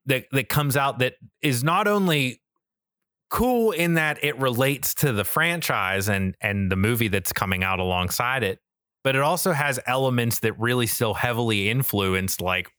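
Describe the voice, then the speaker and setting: Medium-pitched and lively, a man co-hosts a casual podcast about games and films at normal speed, his sharp tone recorded cleanly in a studio without room sound. He's enthusiastic and profane, sprinkling in "like" and often asking "right?"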